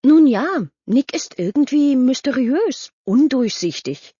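Chatty teen girl, bright and raised, voiced by a woman, dull lo-fi audio. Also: high-pitched, sing-song, slow pace, breathy edge, no echo, voice pushed up, heavily acted. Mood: eager. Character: teenage girl Kelly, earnest and chatty.

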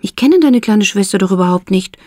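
A cheeky, good-natured schoolgirl with a high, lively voice, as a woman reading a storybook puts her on. She talks briskly and firmly, with a dry, close sound. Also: no room sound, close to an everyday voice. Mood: defensive. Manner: brisk and firm.

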